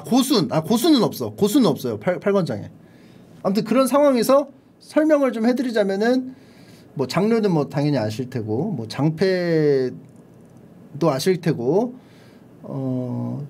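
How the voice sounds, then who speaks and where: A man streaming from home, chatting casually as he retells an old war story in an animated way. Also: fairly high pitch, breathy edge.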